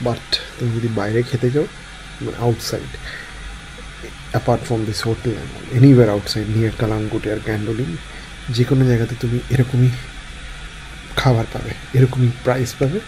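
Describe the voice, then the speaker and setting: A man's voice: medium pitch, fairly even intonation, moderate pace, noisy background. A man vlogging in casual chat, talking straight to his viewers from indoors. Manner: chatty, addresses viewers directly. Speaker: travel vlogger. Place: indoors on a couch at night.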